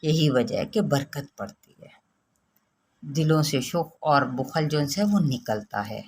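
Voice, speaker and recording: Lady teaching quran recitation, kinda low voice, slow careful drawn-out demos. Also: lively intonation, darkish tone, a little hiss or hum. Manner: patient step-by-step explaining, drawing out recited words slowly. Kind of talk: tajweed lesson.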